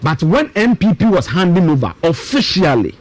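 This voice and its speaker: With a Ghanaian accent, a male guest commentator on politics and economics lays things out emphatically and step by step in a radio discussion, moving between two languages. His voice is a little high and very animated, at a normal speed, with no echo.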